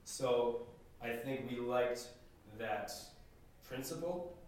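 A man, a band member, chatting casually in an interview, relaxed and rambling, laughing easily. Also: medium pitch, slow pace, a little hiss or hum. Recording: echoey room from far off.

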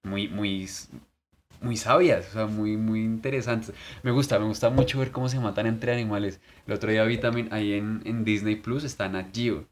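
A man, co-hosting a podcast in casual chat, telling stories in a crude, animated way full of swearing. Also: on the low side, moderate pace, a little hiss or hum. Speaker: podcast co-host.

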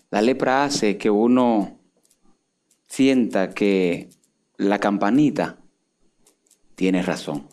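A middle-aged male pastor preaching a sermon, moving between hushed, intimate passages and soaring, impassioned peaks. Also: fairly low pitch.

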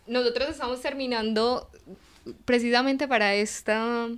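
A woman with a Paisa Colombian accent hosting a casual interview, asking quick, slangy, playful questions. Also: a little high, fairly even intonation, clean tone. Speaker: interviewer host.

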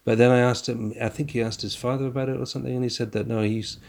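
A man's voice: medium pitch, little pitch movement, quick pace, creaky, darkish tone. A man with a broad, strong Scottish accent chatting casually and in a rambling, self-deprecating way as a podcast host. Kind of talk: casual chat.

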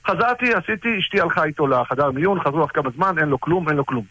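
A middle-aged man casually recounting personal stories about his rabbi, halting with frequent restarts. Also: on the high side, fairly bright tone, slightly rough, dry recording, muffled recording. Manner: halting, with many restarts and fillers. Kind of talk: casual storytelling.

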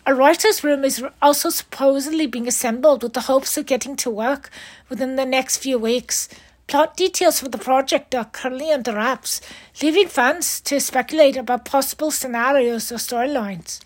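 A woman's voice: high voice, moderate pace, low-quality recording. A woman hosting an entertainment news podcast, reading a script in an upbeat, playful way. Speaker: host.

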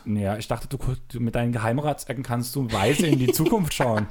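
Co-hosting a casual basketball podcast, a man with a medium-pitched voice talks briskly over a noisy crowd. He jokes and teases, pushing the conversation forward with questions, in a room with closed soundproof windows.

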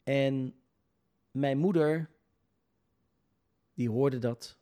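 A man telling a personal story in an earnest, hesitant way, pausing with many filler sounds and restarting his sentences. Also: mid-range voice, mellow.

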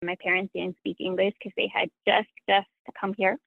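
Her mid-range, creaky voice stays level at a normal speed, with no room sound on the tinny, dry phone line. The guest, a sewing content creator whose first language is Spanish, answers interview questions earnestly, thoughtfully, and self-critically.

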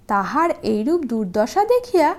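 A woman's voice: sits high, very animated, moderate pace. A woman storyteller reading expressively for young children, with a sweet, sing-song way of addressing them. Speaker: storyteller hosting a children's channel.

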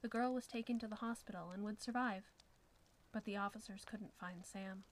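A woman narrating a scripted horror story in a hushed, frequently whispered delivery. Her voice sits at a middle pitch, and there is a faint hiss of noise behind her. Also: moderate pace, low-quality recording. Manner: hushed, often whispered reading.

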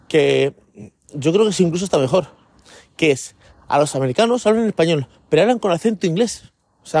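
A man's voice: a little high, a little mellow, no room sound. Chatty man. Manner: rambling, keeps checking in with listeners. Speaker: podcast host. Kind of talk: casual solo monologue.

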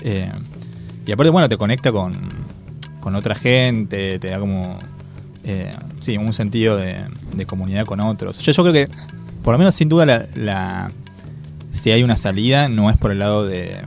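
An Argentine co-host with a Rioplatense Spanish accent chats casually, thinking out loud with lots of fillers in a thoughtful, hesitant way. His voice is on the low side and creaky, at a normal pace, with soft music in the background.

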